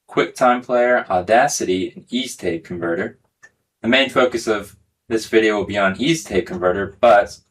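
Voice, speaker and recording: A man hosts a casual, hands-on tech demonstration video, talking through each step as he goes. His voice is on the low side with a fairly bright tone, and the recording is clearly noisy, with clicks.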